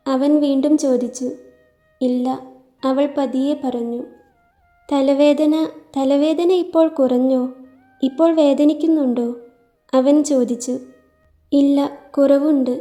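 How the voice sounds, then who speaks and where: A woman storyteller reading a romance story aloud in a slow, tender narration. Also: high-pitched, dark tone.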